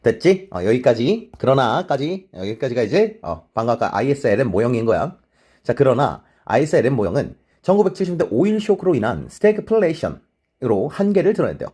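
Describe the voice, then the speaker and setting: A man teaching an exam-prep lecture, talking casually and checking in with his students all the time with quick tag questions. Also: medium pitch, big pitch swings, a little mellow, slightly rough. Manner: mixes polite and plain speech; many short filler replies to himself.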